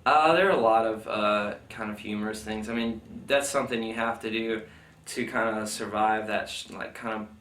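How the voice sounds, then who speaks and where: A man with a fairly low, steady, fairly bright voice speaks at normal speed while being interviewed as a military veteran. He recounts his service casually and rambles, filling gaps with "like" and "you know." The recording is roomy, from a distant mic, with faint noise.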